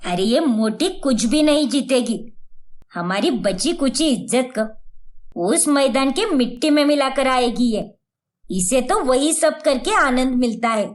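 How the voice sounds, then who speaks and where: A woman's voice: high-pitched, lively intonation, unhurried. A woman voicing a scornful older mother-in-law in a cartoon, who talks in a taunting, mocking way.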